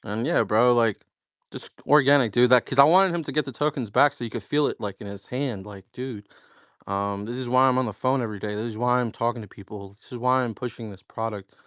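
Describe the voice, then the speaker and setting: A man with a smooth, resonant voice talks in a loose, profane, slangy way, calling listeners bro and dude. He tells stories in a lively way and acts out both sides of a conversation. The sound is dry and close, with no room around it. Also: mid-range voice, fairly quick, no echo. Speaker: crypto project founder. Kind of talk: casual chat on a live audio space.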